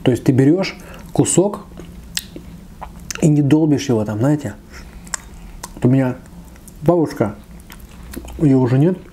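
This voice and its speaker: Very mellow man chatting through a mukbang. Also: mid-range voice, a little hiss or hum. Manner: talks with his mouth full, between bites. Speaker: mukbang eating-show host. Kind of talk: casual mukbang chat while eating. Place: small indoor room, seated at a table.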